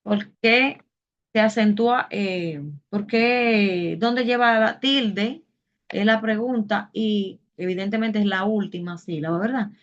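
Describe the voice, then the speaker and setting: A woman's voice: mid-range voice, slow, muffled recording. A woman teaching a class, explaining patiently step by step and asking her students questions. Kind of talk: online Spanish class.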